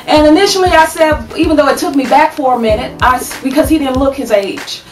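Woman, 30s, advice vlogger. High voice, preachy and animated, echoey home room, far from the webcam. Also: a little fast, soft background music. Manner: animated, preachy, says "okay?" often. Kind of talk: casual advice talk to camera. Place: small room at home, indoors. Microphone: webcam at desk distance.

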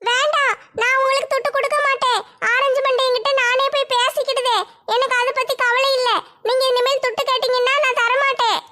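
A woman's voice: very high voice, flat delivery, a little fast, bright, forceful tone. A woman voicing a stubborn, defiant young woman in a comedy sketch. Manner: defiant, scolding.

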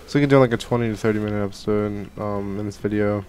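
Speaking fast from a home gaming room, this young man, a gaming channel host coming down with a cold, gives casual Minecraft let's play commentary packed with fillers and restarts. His pitch is fairly low, his intonation fairly even, and his tone a little mellow. A headset and desk studio mic pick him up with a little hiss or hum.

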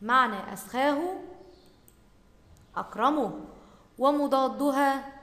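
High-pitched Egyptian teacher in an echoey room. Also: female voice, a bit bright. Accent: Egyptian Arabic. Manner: slow, stretched repetition of words for pupils, then quick asides. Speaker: primary school teacher. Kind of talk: recorded Arabic grammar lesson. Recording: echoey room with long reverb.

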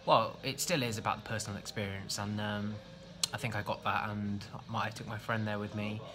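A man's voice: on the low side, flat delivery, a little fast, noisy background. A young man chatting casually to his phone camera in a small hotel room, rambling with fillers and restarts as a travel vlogger. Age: young adult. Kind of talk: casual to-camera vlog chat. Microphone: phone front camera held close.

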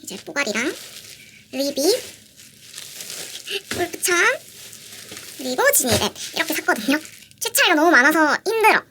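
A young woman vlogging as she unboxes merchandise, gushing and excitable, repeating how cute everything is. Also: high-pitched, moderate pace, pauses often. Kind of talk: casual unboxing vlog. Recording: audible background noise with crinkling packaging.

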